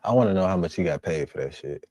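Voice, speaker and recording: A man's voice: deep voice, expressive, fast talker, warm tone, no room sound. A man hosting a reaction stream, speaking in blunt, repetitive slang. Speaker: stream host reacting to clips. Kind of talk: casual reaction commentary.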